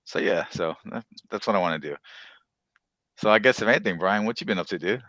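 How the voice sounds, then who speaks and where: A man with a deep yet bright, forceful voice hosts a casual podcast. He rambles through asides in a loose, chatty way, recorded close and dry. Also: brisk, no room sound, dull audio. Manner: rambling, swearing, many "you know" asides. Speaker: podcast host. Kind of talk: casual chat about games and shows.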